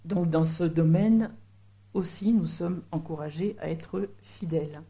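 A woman's voice: fairly low pitch, a little slow, warm tone. A middle-aged woman giving a sermon in French, explaining word meanings with a teaching manner. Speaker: preacher.

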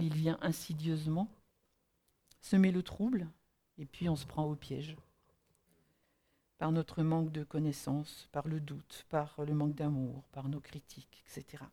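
Low, mellow-voiced woman preaching earnestly. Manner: earnest, builds to emphatic rhetorical questions; halting restarts while thinking aloud. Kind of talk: sermon with Bible readings.

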